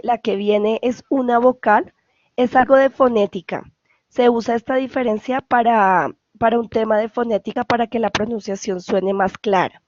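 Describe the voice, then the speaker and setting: A woman's voice: fairly high pitch, darkish tone, no echo, muffled recording. A woman with a Colombian Spanish accent, an English tutor patiently explaining grammar over a video call and often checking for questions. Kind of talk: online class explanation.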